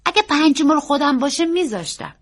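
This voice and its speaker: A woman doing an eager, high-voiced young boy. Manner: urgent, pleading, quick and excited.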